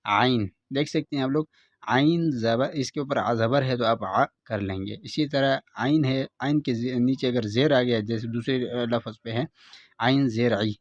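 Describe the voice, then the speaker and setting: A male teacher giving an online reading lesson, patiently explaining step by step and slowly sounding out each letter and vowel in drills. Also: mid-range voice, no room sound, lo-fi sound.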